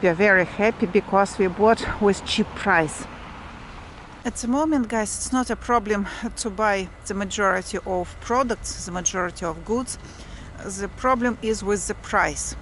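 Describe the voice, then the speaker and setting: A woman with a Russian accent chatting casually for a walk-and-talk vlog, explaining things haltingly as she searches for English words. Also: medium pitch, fairly bright tone. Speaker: vlogger. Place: outdoors, walking through a provincial town. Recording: clearly noisy outdoor street ambience, vehicles. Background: urban outdoor noise and vehicles.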